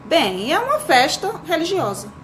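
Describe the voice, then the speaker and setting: A woman's voice: high-pitched, very animated, measured pace, a bit bright, slight background noise, voice pushed up, full character voice. Lady doing the dad, hesitant and offhand, wants to read his paper, storybook. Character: distracted father eager to read his newspaper.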